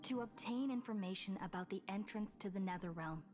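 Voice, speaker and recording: A woman voicing a calm young woman who narrates a story recap in a video game, in a measured, steady way. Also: medium pitch, lightly acted. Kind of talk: scripted narration. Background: game music.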